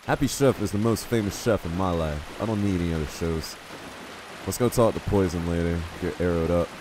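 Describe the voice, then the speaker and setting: An American streamer chats casually with viewers while gaming, rambling, poking fun at himself, and reading chat aloud. His voice is low and brisk against a noisy background.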